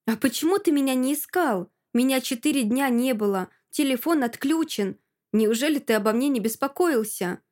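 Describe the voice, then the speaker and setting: A woman's voice: on the high side, expressive, normal speed, few pauses, natural voice. A woman voicing a furious jilted young woman. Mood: demanding. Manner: angry and demanding.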